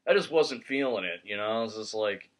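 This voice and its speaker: Chill guy hosting a movie review, kinda low voice, laughs a lot, laptop mic. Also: expressive, brisk. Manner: chatty and laid-back, laughs easily. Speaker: host of a movie review channel. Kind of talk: casual movie review chat. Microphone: laptop microphone.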